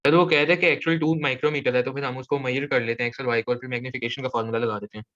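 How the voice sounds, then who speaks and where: A man's voice: medium pitch, fairly even intonation, very fast, a bit bright, highs cut off. A male student politely asking his teacher tentative questions during an online class.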